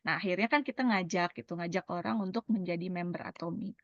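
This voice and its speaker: A woman's voice: on the low side, quick pace, dry recording, highs cut off. A woman, explaining a sales plan in a chatty way, full of fillers and tag words. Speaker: presenter sharing a sales plan. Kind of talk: casual explanatory talk.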